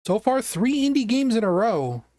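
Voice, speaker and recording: A streamer with a naturally scratchy voice giving casual gameplay commentary, chatty and quick to react aloud. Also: mid-range voice, sing-song, darkish tone, no echo, clean studio sound.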